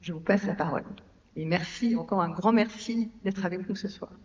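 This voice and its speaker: A woman's voice: medium pitch, brisk. Woman host doing formal intros, muffled echoey church hall.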